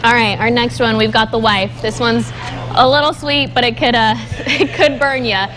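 A woman's voice: a little high, fairly even intonation, moderate pace, over music, poor audio. A woman hosting an upbeat TV interview in a studio, chatty and playful. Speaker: TV host.

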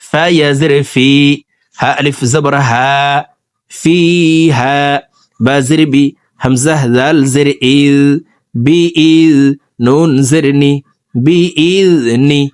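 A man teaching scripture reading who spells out each word, then chants it in a slow, drawn-out way between brisk explanations to his viewers. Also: fairly high pitch, fairly even intonation, clean tone, no echo, clean studio sound. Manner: addresses viewers directly. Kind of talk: spelling-out recitation lesson.

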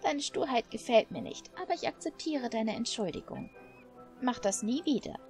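A woman voicing a stern, protective elderly woman in a game, speaking slowly and gravely. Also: a little high, lively intonation, a little mellow, lightly acted. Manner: stern, scolding, slow and weighty. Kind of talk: game dialogue read aloud. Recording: faint music behind.

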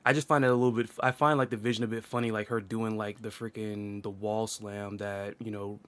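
A man's voice: fairly low pitch, little pitch movement, fairly quick, fairly bright tone. A man hosting a casual chat about fighting games, rambling with lots of fillers and laughing often. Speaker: podcast host.

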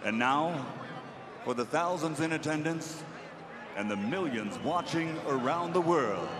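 A man working as a boxing ring announcer, giving theatrical introductions in a booming showman delivery with drawn-out, shouted names like a lucha libre announcer. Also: expressive. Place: boxing ring in a large indoor arena. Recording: arena PA amid loud crowd noise.

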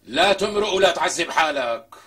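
A man's voice: fairly high pitch, lively intonation, a little fast, a bit bright, breathy edge. An actor with a Syrian accent playing a brusque, irritable man who snaps at an unwanted visitor in a TV comedy. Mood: dismissive. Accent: Syrian Arabic. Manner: snappy, exasperated, curses freely. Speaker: stubborn lodger. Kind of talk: TV comedy acting.

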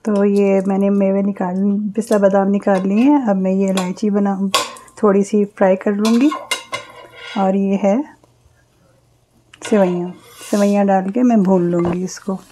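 A woman hosting her cooking channel, calmly explaining each step of a recipe as she cooks in her home kitchen. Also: mid-range voice, unhurried, noisy background.

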